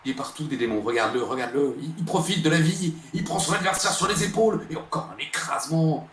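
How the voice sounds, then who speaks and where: A man co-commentating fights with teasing, wry remarks and sudden loud announcer-style calls. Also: on the high side, quick pace. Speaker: guest co-commentator. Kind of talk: playful live-stream fight commentary. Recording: echoey room with faint noise.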